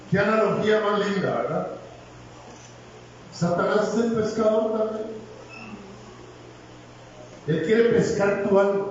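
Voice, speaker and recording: A man delivers a lively, joking sermon in a high voice. He is picked up from afar in a very echoey church hall. The sound is dull, with a faint hiss underneath. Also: recorded from a distance. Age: 60s. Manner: humorous, animated, jokes with congregation. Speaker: preacher.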